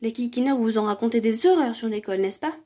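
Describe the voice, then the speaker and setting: A woman's voice: a little high, fast talker, dark tone, natural voice. A woman voicing a stern but kind male schoolteacher in a read-aloud children's story, speaking firmly and reassuringly. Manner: firm, reassuring classroom address.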